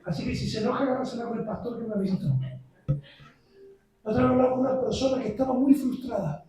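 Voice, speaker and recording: A visiting preacher, a man, giving an impassioned sermon that builds to shouts. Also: very high voice, fast talker, distant mic, faint music behind. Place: church sanctuary. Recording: very echoey church, heard from afar.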